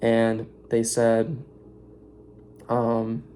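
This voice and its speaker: A man's voice: mid-range voice, monotone, extremely slow, dark tone, smooth. A tired young man venting in a casual vlog rant about his warehouse shift, rambling and swearing.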